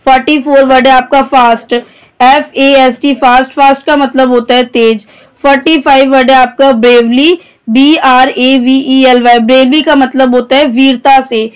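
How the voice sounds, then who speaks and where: A woman's voice: high voice, fairly even intonation, unhurried, clear, resonant tone. A woman teaching English vocabulary, spelling each word letter by letter and then explaining its meaning. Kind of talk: vocabulary lesson, spelling out words.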